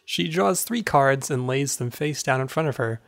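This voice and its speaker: A man's voice: medium pitch, normal speed, vocal fry, fairly bright tone, dry recording, studio quality. A man reading game text aloud as narrator in a casual playthrough, without putting on character voices.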